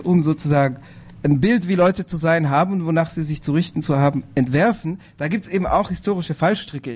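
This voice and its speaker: A man speaking on a political panel, measured and hesitant, with frequent fillers and restarts. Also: on the high side, a little mellow. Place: lecture hall.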